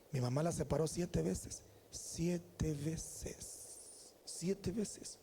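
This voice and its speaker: A man's voice: sits high, warm tone, breathy edge. A man in his forties with a Salvadoran accent, preaching as a guest pastor, telling personal stories in an emphatic, conversational way and calling out "amén" to the congregation. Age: 40s. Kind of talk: sermon with personal storytelling. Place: church.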